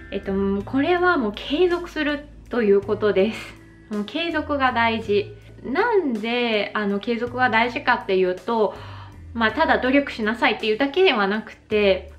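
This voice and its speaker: Japanese woman around 30, slow careful pronunciation lesson, kinda high voice, soft music behind. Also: lo-fi sound. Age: 30s. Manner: slow, careful, over-articulated demonstrations. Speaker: English pronunciation teacher. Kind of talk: slow explanatory vlog lesson.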